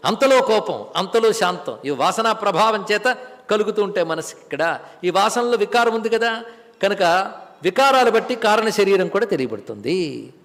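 A man giving a Bhagavad Gita discourse who explains patiently, chants verses slowly and acts out little dialogues. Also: high-pitched, expressive, fairly bright tone, in a large hall. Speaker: spiritual discourse speaker.

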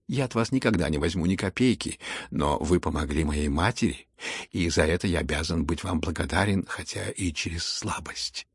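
A male audiobook narrator with a low, gravelly voice, reading a classic novel in an even, measured way. His tone is husky rather than clear, and the recording sounds dry and close. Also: no room sound.

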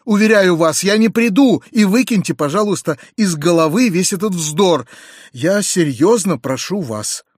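An agitated young woman from a storybook, proud and quick to protest, her voice pitched up and swinging widely. Her tone is slightly husky and very close and dry, with a man doing the voice. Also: expressive, dry recording. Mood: pleading. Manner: pleading and heated.

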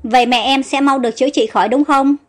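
A woman voicing a brash, defiant poor boy who shouts and whines in a storybook. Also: high voice, fairly even intonation, fast talker. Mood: tearful relief. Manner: shouting and whining.

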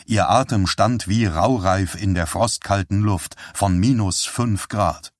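Low-voiced male audiobook narrator. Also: no room sound, studio quality. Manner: calm, measured reading. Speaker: audiobook reader. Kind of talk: scripted narration.

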